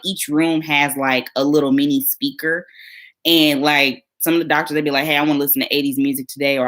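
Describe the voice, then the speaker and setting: A woman's voice: low-pitched, fairly bright tone. A young woman, chatting casually on a livestream as a new surgical tech, talking straight to her viewers and laughing often.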